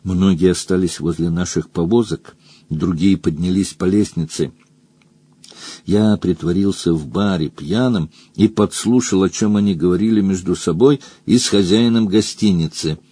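A man voicing a cautious older man in an audiobook, speaking in a hushed, secretive way. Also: low voice, moderate pace, breathy edge, dry recording, pitched below the performer's own voice. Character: cautious old man informant. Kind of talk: audiobook character voice.

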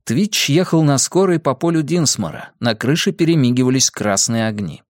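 A man narrating an audiobook with expressive storytelling. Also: medium pitch, normal speed, no echo, clean studio sound. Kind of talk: scripted narration.

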